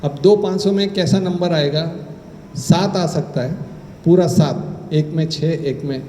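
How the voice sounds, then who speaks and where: Guy giving a temple talk, slightly high voice, tells stories and does the voices, big echoey hall. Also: measured pace, slight background noise. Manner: animated storyteller who acts out dialogue. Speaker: spiritual speaker giving a scripture talk. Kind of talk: Hindi scripture discourse with personal stories. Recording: echoey hall with faint ambience.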